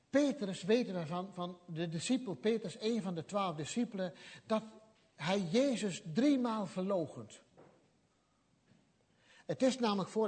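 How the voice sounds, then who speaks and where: A man's voice: high-pitched, a little mellow, slightly rough. A man preaching a sermon, telling the story with animation and acting out what people said.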